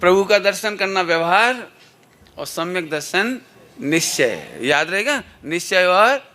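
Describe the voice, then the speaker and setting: A man's voice: high-pitched, very animated, measured pace, bright, forceful tone. A man teaching at a children's camp, playfully coaxing the kids and counting out cues for call-and-response chants.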